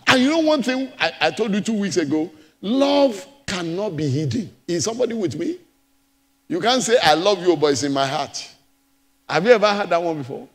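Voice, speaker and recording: Male pastor, high animated voice, gravelly edge, emphatic repeats, church hall reverb. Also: moderate pace. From Nigeria. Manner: emphatic preaching with repetitions and swings between loud and soft. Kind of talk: sermon.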